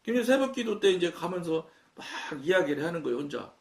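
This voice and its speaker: A man's voice: high-pitched, very animated, fast talker, a little mellow. A man from Chungcheong with a Chungcheong accent, preaching a sermon, telling his story and acting out the dialogue. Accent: Chungcheong Korean. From Chungcheong, Korea. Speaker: pastor. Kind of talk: sermon talk. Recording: echoey room, mic at a distance.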